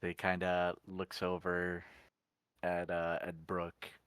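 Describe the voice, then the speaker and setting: A man with a very low voice narrates his character in a tabletop role-play. He hesitates often and talks around his words. The sound is close and dry. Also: monotone, takes it slowly, a bit bright, clean tone, dry recording. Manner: hesitant, with many fillers and restarts.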